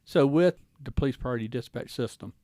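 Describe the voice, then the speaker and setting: A middle-aged American man, a former law enforcement officer serving as guest host, asks colloquial, folksy questions in a casual interview chat. His mid-range voice is brisk and dark. The sound is very dry and close, with no room sound.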